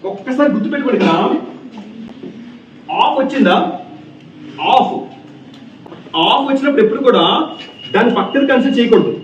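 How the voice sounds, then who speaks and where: A man's voice: extremely high pitch, a little hiss or hum. A male English grammar teacher in a classroom, repeating key points and firing questions at his students. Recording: echoey, distant, dull classroom recording.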